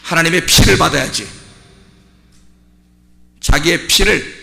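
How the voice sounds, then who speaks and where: A male pastor preaching in a casual, talking-to-you way, his fairly high, bright voice leaping between hushed remarks and loud shouted lines. His pitch swings widely. A long church-hall reverb trails every phrase. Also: measured pace, vocal fry. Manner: conversational preaching, swinging from quiet asides to shouting. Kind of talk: sermon.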